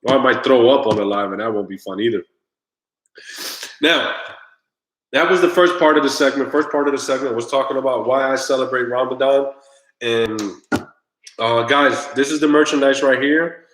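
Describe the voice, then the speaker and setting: A man's voice: medium pitch, moderate pace, long pauses, fairly bright tone, reverberant, a little hiss or hum, poor audio. A man hosting his own live stream, chatting casually and straight to his viewers. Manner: laid-back, talks straight to viewers, groans at the drink.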